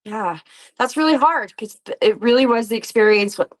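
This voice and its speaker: This guest, a tabletop game show player and actor, has a voice on the high side and speaks at a moderate pace. Her interview talk is casual and reflective, and she giggles and laughs often as she goes.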